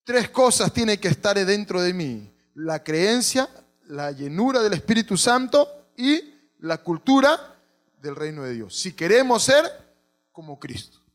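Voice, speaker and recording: A man's voice: sits high, big pitch swings, unhurried. A male pastor, preaching a sermon and putting questions to the congregation.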